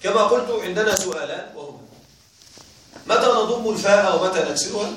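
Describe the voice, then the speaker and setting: A man with a high voice teaches a grammar class, drilling his students call-and-response style and prompting them to complete each word. He sounds distant from the microphone, and the room rings with strong echo. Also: lively intonation, fast talker, fairly bright tone, a little hiss or hum. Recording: very echoey room, voice far from mic.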